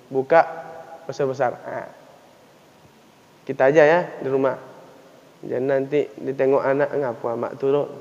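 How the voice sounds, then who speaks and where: A man's voice: medium pitch, level tone, unhurried, pauses often, a little mellow. A man teaching recitation to a class in a mosque, patiently drilling letter sounds over and over. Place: mosque hall. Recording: echoey hall, dull lo-fi sound.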